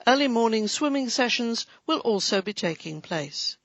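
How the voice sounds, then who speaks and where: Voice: mid-range voice, lively intonation, moderate pace, fairly bright tone, no room sound. A reader giving a scripted, light-hearted reading of a local council magazine, with playful asides. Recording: dry, dull lo-fi recording.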